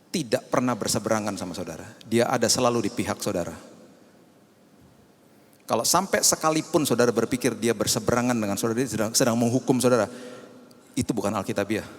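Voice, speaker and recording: Animated male pastor in a reverberant hall. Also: on the low side. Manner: animated preaching, swinging between soft and loud; mixes in English phrases. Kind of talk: sermon. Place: church hall.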